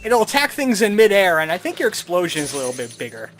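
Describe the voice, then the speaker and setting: Over game music, a gamer hosting a let's play offers snarky, wry, casual commentary as he plays. His high, fairly bright voice is very animated and fast.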